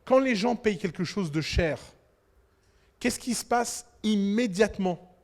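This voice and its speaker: A man giving a business lecture to entrepreneurs, talking in an animated, provocative way and addressing the audience directly. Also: high voice, a little slow. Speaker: business conference speaker. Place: conference hall. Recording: reverberant conference hall.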